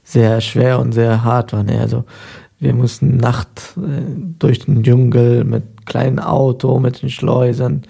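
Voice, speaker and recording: Thirtysomething guy from afghanistan, gravelly low tone, lots of uh pauses. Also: level tone, warm tone. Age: 30s. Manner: hesitant, many fillers. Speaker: radio guest. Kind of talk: casual interview talk.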